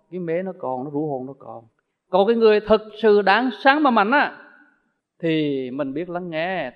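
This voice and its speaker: A man giving a Buddhist dharma talk as a monk teacher, animated and acting out everyday dialogues. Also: sits high. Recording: echoey hall, dull lo-fi sound.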